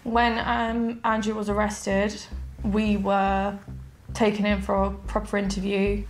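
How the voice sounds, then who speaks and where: A woman interviewed for a documentary, recounting events in a soft, halting, hesitant way. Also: medium pitch, completely flat delivery, soft background music. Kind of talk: recounting personal experiences in an interview.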